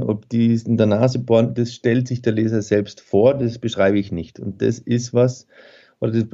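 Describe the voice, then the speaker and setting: A man's voice: lowish voice, dark tone, muffled recording. A male author, talking through his writing in a rambling, thoughtful way with many fillers. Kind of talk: conversational interview.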